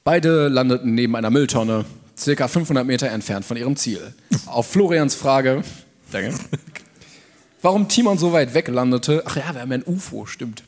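Male podcast host reading a comedy story on a live stage, animated pitch, reverberant hall. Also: normal speed. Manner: animated, jokey narration with asides.

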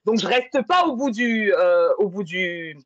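A woman's voice: mid-range voice, animated, a little slow, no echo. A woman telling a long personal story in casual conversation, with many fillers. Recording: muffled lo-fi sound.

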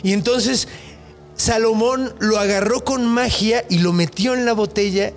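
A man with a Mexican accent telling a story in a casual podcast chat, animated and full of slang. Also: high-pitched, soft background music. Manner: animated, slangy, quick to laugh.

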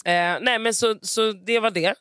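Woman podcaster, high voice, lively storyteller, swears a lot. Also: no room sound, studio quality. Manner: animated storytelling, acts out dialogue, swears freely. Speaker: podcast co-host. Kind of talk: casual chat.

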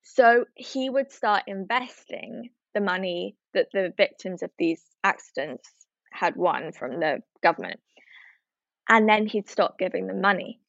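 Woman retelling a story, animated. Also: mid-range voice, measured pace, creaky, no room sound. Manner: animated storytelling, acting out quotes. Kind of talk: casual chat. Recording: dull, dry, slightly lo-fi sound.

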